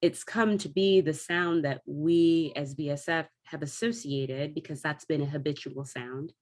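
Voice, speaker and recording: Like a theatre director thinking out loud, a woman discusses performance casually and with enthusiasm. Her voice is deep, her intonation fairly even, and she takes her time.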